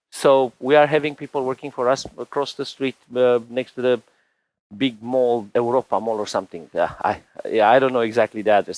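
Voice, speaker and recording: A man's voice: mid-range voice, no room sound, rough recording. A man in his forties from Romania, giving a chatty conference tech talk on stage with lots of fillers and restarts. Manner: chatty, rambling, frequent restarts and "you know" fillers. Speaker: conference speaker.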